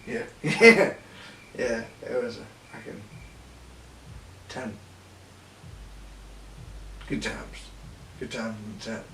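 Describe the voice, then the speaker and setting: Slow-talking young man, echoey and distant. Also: mid-range voice, expressive, pushed and bright. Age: young adult. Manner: laughs often, profane, loose retelling. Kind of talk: casual storytelling interview. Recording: echoey room, mic far off, faint hiss.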